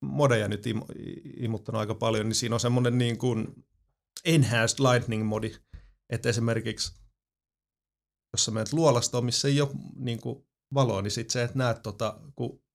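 A man with a gravelly, fry-heavy voice chats casually about games. He rambles eagerly, restarting his sentences as he piles on details. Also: mid-range voice, fairly even intonation. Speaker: podcast co-host. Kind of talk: casual gaming chat.

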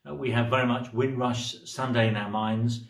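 A man records a solemn, prayerful greeting for a congregation as a bishop. He stands well back from the mic, and his mid-pitched voice rings with a roomy cathedral echo. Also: fairly even intonation, moderate pace, recorded from a distance. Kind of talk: recorded blessing message.

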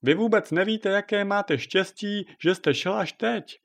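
A man voicing a nosy, pushy old male neighbour in a storybook tale, talking high and excited. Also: gravelly. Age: older.

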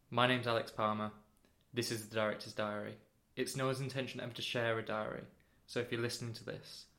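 A man hosting a podcast, introducing and questioning a guest in a measured, courteous way. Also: on the low side, a bit bright. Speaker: podcast host. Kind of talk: scripted podcast introduction and interviewing.

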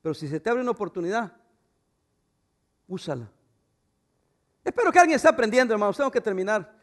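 A middle-aged man pastor preaching a sermon, swinging from loud fervent passages to quiet, intimate asides. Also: sits high, big pitch swings, quick pace.

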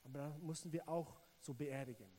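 Speaking native English with a South African accent, a man from South Africa gives an earnest, halting sermon, repeating words often and talking directly to the listener. The voice is fairly high and dark in tone, with a faint hiss or hum present.

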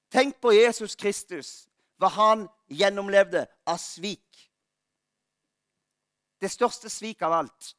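A male pastor giving an Easter sermon, telling funny stories about himself with lively warmth. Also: very high voice, clear, resonant tone, no room sound, studio quality. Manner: lively storytelling, self-mocking humor.

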